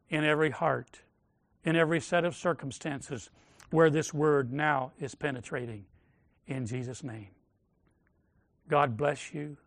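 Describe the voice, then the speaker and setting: A male pastor preaching a sermon, making declarations and praying, his voice rising loud and falling hushed. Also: fairly high pitch, dry recording, clean studio sound.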